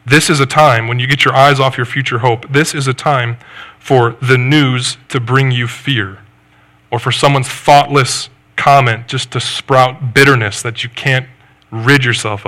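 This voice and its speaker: A man preaching a sermon, earnest and measured, reading scripture and posing reflective questions. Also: medium pitch, bright, forceful tone. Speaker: pastor.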